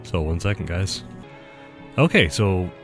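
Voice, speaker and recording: With allergies stuffing up his nose, a man chats through a game stream, rambling and poking fun at himself in casual commentary. His low, expressive voice moves at a measured pace over faint background music.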